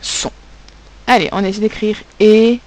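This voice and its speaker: A woman's voice: medium pitch, fairly even intonation, moderate pace, a little mellow. A woman teaching young children spelling and handwriting, speaking patiently and spelling out letters and sounds, with a French accent.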